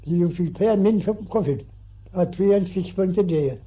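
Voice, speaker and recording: Very old Irish man, husky and high. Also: warm tone. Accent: rural County Clare Irish. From County Clare, Ireland. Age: over 100, very old. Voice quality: aged, husky voice. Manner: very old man's halting, repetitive speech. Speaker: interview guest. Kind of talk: reminiscing in an interview. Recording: muffled 1960s archive interview recording.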